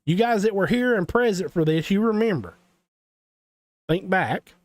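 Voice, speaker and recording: Talking directly to his audience, this Southern US man rambles through a relaxed game dev tutorial stream, tossing in jokes at his own expense. He has a high voice with lively intonation and a moderate pace, recorded without echo.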